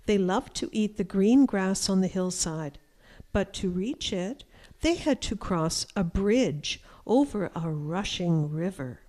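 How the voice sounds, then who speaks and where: A middle-aged woman, a reading teacher, reading a fairy tale aloud to young children in a clear, deliberate way. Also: medium pitch, expressive, warm tone. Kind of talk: slow read-aloud storytelling for young children.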